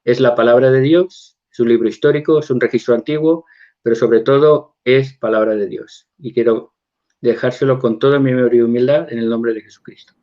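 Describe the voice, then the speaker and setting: A man's voice: medium pitch, fairly even intonation, a little fast. Earnest Spanish man on a dull line. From Valencia, Spain. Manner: earnest, repeats words while searching. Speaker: guest apologist. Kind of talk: online interview, testimony.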